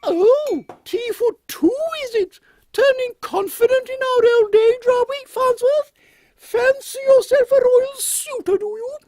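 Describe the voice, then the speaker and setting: A man's voice: very high-pitched, measured pace, a little mellow, a little hiss or hum. A man voicing a haughty, fussy, dotty old queen in a steampunk radio comedy. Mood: fussy, arch. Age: older. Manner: haughty, regal, fussy, uses royal "one".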